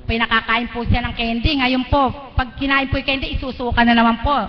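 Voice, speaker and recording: Middle-aged woman telling her testimony at church, pretty flat delivery, long hall echo, muffled lo-fi stream with faint hiss. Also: on the high side, quick pace. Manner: earnest and deferential, retelling events step by step. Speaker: church member giving a testimony. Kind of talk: live spoken testimony. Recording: dull lo-fi livestream audio in a reverberant hall, faint noise.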